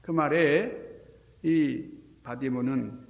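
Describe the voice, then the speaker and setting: A man pastor giving a Sunday sermon as an animated storyteller in a church sanctuary. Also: mid-range voice, extremely slow, vocal fry. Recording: echoey church hall reverb.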